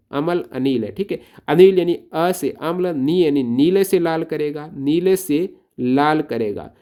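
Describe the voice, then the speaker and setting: A man's voice: on the high side, darkish tone. A man explaining science exam questions step by step, asking questions and then answering them himself. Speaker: exam-prep teacher.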